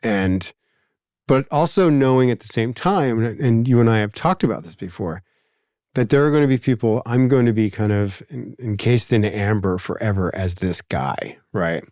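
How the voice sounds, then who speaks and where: A man's voice: on the low side, animated, normal speed, darkish tone, dry recording, clean studio sound. A man with a Philadelphia accent, hosting a podcast in casual conversation, reflective and rambling with lots of asides. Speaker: podcast host.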